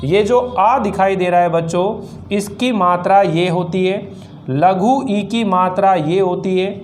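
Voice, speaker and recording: A man's voice: high voice, a little hiss or hum. A man teaching Hindi grammar to students with a Rajasthani Hindi accent, patiently repeating each point as a question and answer and sounding out each vowel one by one. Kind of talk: classroom lesson to students.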